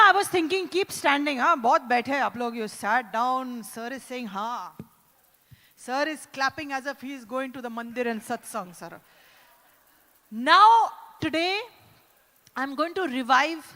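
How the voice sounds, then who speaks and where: A woman with an Indian English accent hosting a corporate live event, teasing the crowd and leading loud cheers and laughter. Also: high voice. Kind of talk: energetic live event hosting with audience exercises. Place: large indoor event hall. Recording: echoey hall sound.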